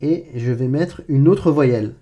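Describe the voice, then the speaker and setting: Mellow-voiced man giving a chatty Arabic lesson. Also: mid-range voice. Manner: informal, chatty, addresses the viewer as tu, self-corrects often; demonstrates throaty sounds slowly and repeats them. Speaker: Arabic teacher. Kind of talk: casual online language lesson.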